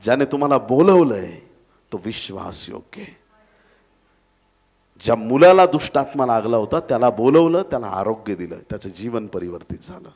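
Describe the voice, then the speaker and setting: A man's voice: medium pitch, big pitch swings, normal speed, darkish tone. A man preaching a sermon in church, dramatically acting out voices and calling out to the congregation. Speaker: pastor.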